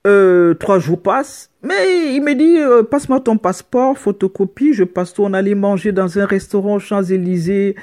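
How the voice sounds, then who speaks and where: A middle-aged woman giving a casual spoken account, animated, with frequent restarts, slipping into other people's voices with sudden pitch jumps. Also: normal speed, few pauses. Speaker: storyteller recounting a personal experience.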